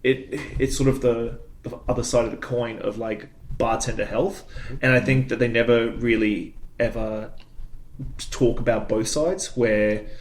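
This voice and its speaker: A man's voice: medium pitch, flat delivery, unhurried. A man in his thirties hosting a casual podcast, rambling chattily and laughing often. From not from Canada. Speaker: podcast host. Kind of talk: casual chat.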